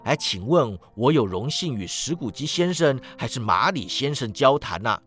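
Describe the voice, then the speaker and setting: A man voicing a polite gentleman collecting for charity, who speaks calmly and courteously. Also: medium pitch, normal speed, soft background music. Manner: calm, courteous.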